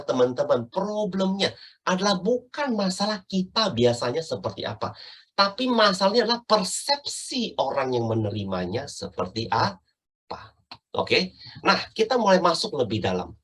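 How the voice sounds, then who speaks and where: A man giving an online sales training talk, animated and often checking in with his listeners. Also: a little high, husky.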